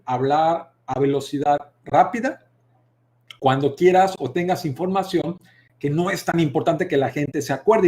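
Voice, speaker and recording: Mexican male speaking coach, middle-aged, slightly high voice, expressive, shifts volume and pace to demonstrate. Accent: Mexican Spanish. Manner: deliberately varies volume, pitch and pace to demonstrate vocal technique; expressive, addresses viewers directly. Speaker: public speaking instructor. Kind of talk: live online masterclass.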